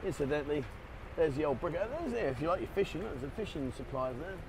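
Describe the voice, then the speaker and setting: A vlogger with a fairly high, expressive, darkish voice talks fast, rambling casually and swearing now and then as he rides a motorbike through rainy town traffic. He holds an action camera in his hand, and the rough recording picks up street and traffic noise behind him.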